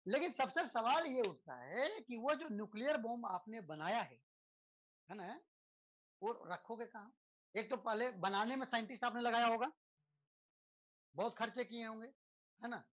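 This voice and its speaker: A man's voice: extremely high pitch, lively intonation, moderate pace, long pauses, fairly bright tone, poor audio. Man, physics teacher, casual lecture, keeps asking tag questions, rhetorical and homely. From India. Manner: conversational, constantly checks in with tag questions. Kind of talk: lecture to students.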